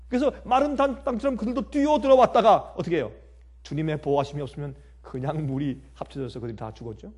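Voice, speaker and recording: A man's voice: on the high side, darkish tone, slightly rough. A male pastor preaching a sermon with emphatic delivery, constantly posing rhetorical questions to the congregation.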